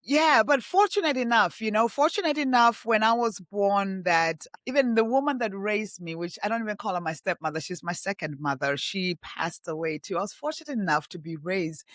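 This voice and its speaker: Speaking at normal speed with hardly a pause, this middle-aged podcast guest from Tanzania and Zambia has a medium-pitched, slightly bright voice on a dry recording. She reflects heartfelt and earnestly in the interview, often repeating points for emphasis.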